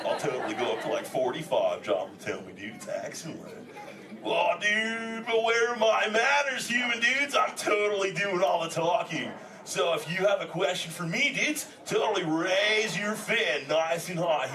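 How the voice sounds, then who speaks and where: A man performs live as a laid-back male green sea turtle who talks like a surfer, says "dude" constantly, and improvises jokes with the audience. His voice is on the high side and only lightly acted. The recording is distant and echoey in the venue, with audience chatter and crowd noise behind him.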